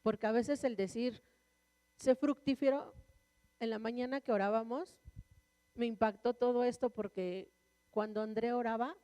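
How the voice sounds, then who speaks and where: Casting: woman preacher, earnest testimony, warm mellow tone, echoing hall. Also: fairly high pitch, fairly even intonation, moderate pace, muffled recording. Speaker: church speaker. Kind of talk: sermon with personal testimony. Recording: long reverb of a large hall.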